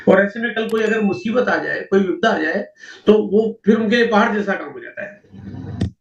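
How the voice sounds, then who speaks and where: A man gives a seminar talk, walking through statistics with repetition and rhetorical questions. His voice sits high for a man. It is picked up from a distance in a roomy, echoing space on a dull, lo-fi recording. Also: moderate pace, vocal fry, a little hiss or hum. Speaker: network marketing seminar speaker.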